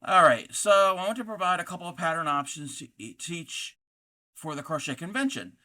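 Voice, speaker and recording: Bright-voiced man hosting a casual craft livestream. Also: mid-range voice. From North America. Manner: distracted, halting, reads chat messages aloud. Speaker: livestream host of a craft channel. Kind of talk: casual livestream chat while crocheting.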